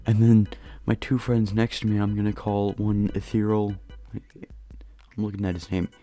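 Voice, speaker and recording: A young man telling a casual storytime, keeping his voice down in a dark room at night. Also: lowish voice, little pitch movement, unhurried, soft background music. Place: dark bedroom at home. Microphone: new home mic.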